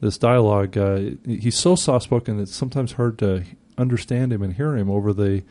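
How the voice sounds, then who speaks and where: Guy cohost, mellow voice, stumbles and restarts a lot. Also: lowish voice, fairly quick. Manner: hesitant, restarts, contrarian. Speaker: podcast co-host. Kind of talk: casual TV recap chat.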